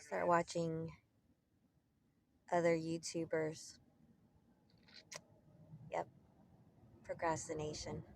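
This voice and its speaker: A woman narrating a casual travel vlog, thinking aloud in a soft-spoken way from her van and the beach. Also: sits low, completely flat delivery, extremely slow, pauses often, a little hiss or hum. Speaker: vlogger.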